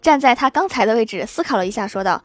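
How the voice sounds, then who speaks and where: A woman hosting a comedy podcast, reading out funny anecdotes in a lively, playful way and laughing at her own punchlines. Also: a little high, quick pace, no echo. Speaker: podcast host.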